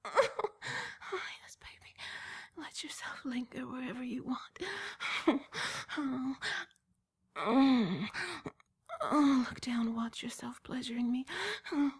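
Breathy whispering woman, high voice. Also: slow. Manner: breathy whispering broken by moans. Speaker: erotic audio performer. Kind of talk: whispered erotic roleplay.

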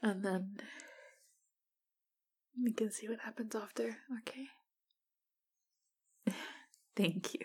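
Husky whispering woman, slow and soft. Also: mid-range voice, fairly even intonation. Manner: flirtatious, gentle. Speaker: roleplay researcher. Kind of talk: ASMR roleplay.

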